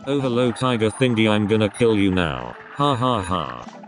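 A male text-to-speech voice reading casual let's play commentary, with an even machine delivery. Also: fairly low pitch, normal speed. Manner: evenly paced machine reading of casual gaming banter. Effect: text-to-speech synthetic voice. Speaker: gaming channel host. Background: video game music.

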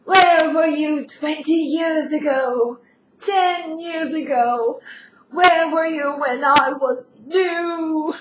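A woman playing a bitter, worn-out woman who shouts through tears. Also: high voice, animated, slow pace, roomy sound, recorded from a distance, a little hiss or hum.

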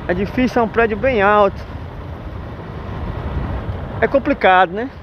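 With a high-pitched voice and a slightly slow delivery, a man from northeastern Brazil jokes around as he vlogs from his motorcycle on urban streets. The recording is dull and lo-fi, carrying a faint wash of street noise.

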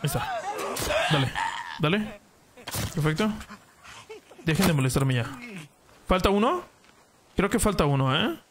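Excitable high-voiced young man streaming a game. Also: measured pace, long pauses, noisy background. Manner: excitable, yelps and groans at the game, greets viewers by name. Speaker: gaming streamer. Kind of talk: casual live gameplay commentary.

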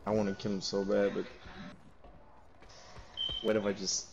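A man joking around over voice chat while gaming, animated and quick to laugh. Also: on the low side, vocal fry, muffled recording, a little hiss or hum. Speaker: gamer.

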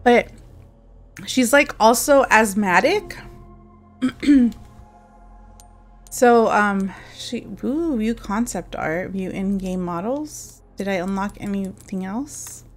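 A woman's voice: mid-range voice, slow, pauses often, faint music behind. A woman in her thirties streaming a game, chatting casually and rambling, often breaking off mid-sentence. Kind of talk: casual gameplay chat.

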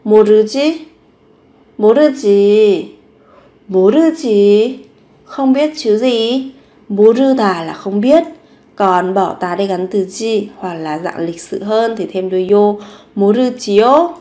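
A woman teaching short everyday phrases, repeating each one slowly before explaining it. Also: medium pitch, dark tone. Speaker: Korean language teacher. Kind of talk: Korean lesson explained in Vietnamese.

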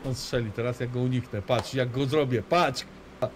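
A man's voice: mid-range voice, fairly even intonation, moderate pace, background noise. A man streaming a video game live, cursing constantly as he banters with chat and his teammate. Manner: crude, swears constantly, banters and mocks. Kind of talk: live gaming commentary.

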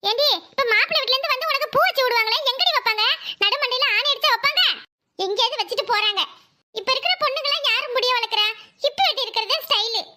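A woman voicing a loud, bossy village aunt in a cartoon who teases her niece, with a Tirunelveli Tamil accent. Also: very high-pitched, quick pace, heavily acted. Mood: mocking. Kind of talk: cartoon voice acting.

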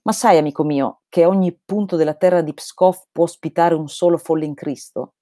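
A woman's voice: deep voice, moderate pace, warm tone, dry recording, clean studio sound, pitched above the performer's own voice, lightly acted. A woman reading aloud the lines of an eccentric, vehement male holy fool, in an emphatic read-aloud delivery. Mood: insistent.

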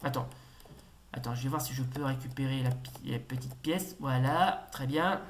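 A young man commentating a retro game as he plays, excitable and stammering, with sudden swearing outbursts. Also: mid-range voice, normal speed, slight background noise. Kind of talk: casual let's-play commentary.

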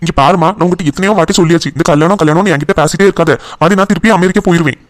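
A man voices a young cartoon son who talks fast to push back against marriage plans, then soothes his mother. The voice is high for a man and rushed. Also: natural voice. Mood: frustrated. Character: young man home from abroad, reluctant but caring son.

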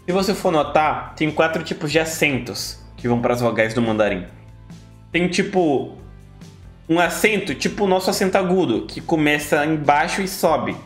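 Young Brazilian male react host; eager, rambling casual talk, a touch high-pitched. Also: expressive, moderate pace, faint music behind. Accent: Brazilian Portuguese. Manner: rambling, enthusiastic, restarts often. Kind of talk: casual chat.

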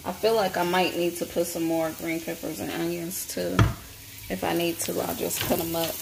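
Woman, 30s, low-ish easygoing voice, home-kitchen cooking vlog on a close phone mic. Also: normal speed, gravelly, heavy background noise. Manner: relaxed, chatty, talks to viewers as y'all. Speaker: home cook vlogger. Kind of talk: casual cook-with-me chat. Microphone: phone camera held close.

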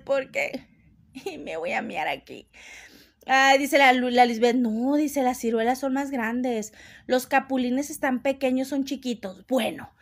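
A Mexican woman hosting a casual live stream, reading out viewer comments in a chatty, teasing way and laughing often. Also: sits high.

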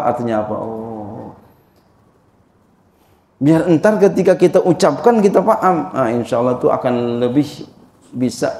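A man's voice: medium pitch, vocal fry, darkish tone, reverberant. A man giving an informal religious lesson, repeating phrases and addressing his listeners directly. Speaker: religious teacher.

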